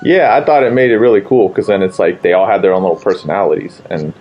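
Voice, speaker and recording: A man's voice: low-pitched, fast talker, highs cut off, faint music behind. A man interviewing a voice actor about his film, asking loosely phrased, rambling questions in a casual chat. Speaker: interviewer, filmmaker.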